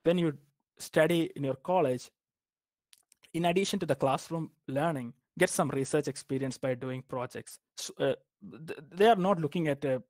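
A man's voice: mid-range voice, dry recording. A young man from Kerala, India, giving informal advice on graduate school applications, speaking hesitantly with many fillers and restarts. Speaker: guest speaker. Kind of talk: informal academic advice talk.

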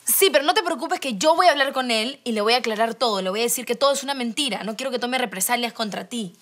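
A woman's voice: on the high side, quick pace, a bit bright. An actress playing a scheming, flippant young woman in a telenovela. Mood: breezy scheming. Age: young adult. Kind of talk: telenovela acting.

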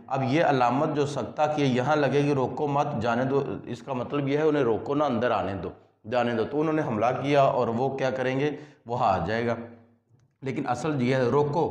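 A man's voice: medium pitch, darkish tone. Man teaching in an echoey room. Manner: explains slowly with repeated examples. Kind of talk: classroom lecture.

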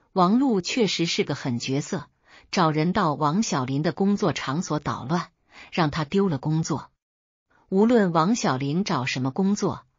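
A woman reading a dramatic family story in the first person, at a steady, even storyteller's pace. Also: deep voice, husky, no room sound, lo-fi sound. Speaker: narrator.

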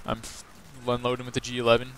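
A man's voice: mid-range voice, completely flat delivery, fast, a bit bright, a little hiss or hum. A teenage guy casually narrating a gameplay walkthrough, rambling loosely with lots of fillers and restarts. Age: teens. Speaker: gaming video host.

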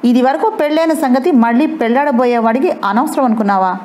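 A woman's voice: sits high, a little fast, darkish tone, a little hiss or hum, voice pushed up, close to an everyday voice. A woman reading the lines of a jealous, wounded husband who asks strained, accusing questions.

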